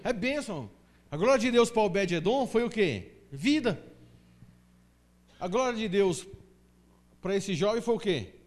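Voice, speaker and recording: A man's voice: high-pitched, lively intonation, moderate pace, pauses often. A Brazilian man preaching a sermon as pastor in a church, emphatic and full of rhetorical questions. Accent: Brazilian Portuguese.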